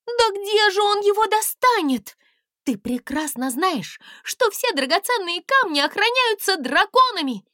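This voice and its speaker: Shrill young princess, voiced by a woman, high-pitched and dry. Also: big pitch swings, measured pace, pushed and bright, no room sound, full character voice.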